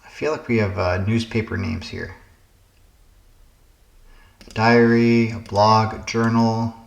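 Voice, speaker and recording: A man's voice: fairly low pitch, level tone, slow, gravelly, roomy sound, highs cut off. A man hosting a puzzle game channel, casually thinking aloud through word puzzles, musing and hesitating as he guesses.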